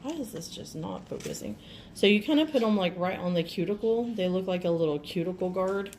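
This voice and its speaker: A woman with a cold, her voice a little rough, gushing chattily through an unboxing at home and clearing her throat often. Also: lowish voice, lively intonation, fairly quick, a little mellow, slight background noise. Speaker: nail vlogger. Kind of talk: casual unboxing chat.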